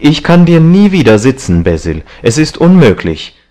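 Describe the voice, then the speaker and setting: A man's voice: fairly low pitch, lively intonation, unhurried, mellow. A man reading an audiobook, voicing a vain, agitated young man who talks in a heated, raised voice.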